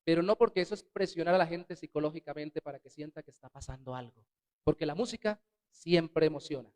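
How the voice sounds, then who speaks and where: A man preaching a sermon as pastor in a church, swinging between loud bursts and soft, dropped words. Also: fairly high pitch, brisk. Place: church sanctuary.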